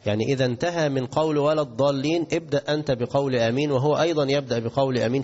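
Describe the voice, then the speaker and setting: Egyptian sheikh guy giving a lesson, mid pitch, dull old recording w/ hall reverb. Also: darkish tone. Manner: asks the audience questions and answers himself, mixes classical and colloquial. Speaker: sheikh teaching hadith. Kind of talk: religious lesson.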